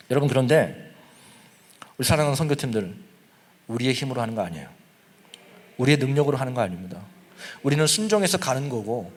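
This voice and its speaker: A male pastor preaching a sermon in a church sanctuary, swinging from loud emphatic peaks to hushed asides. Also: mid-range voice. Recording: church hall reverb with soft guitar music behind.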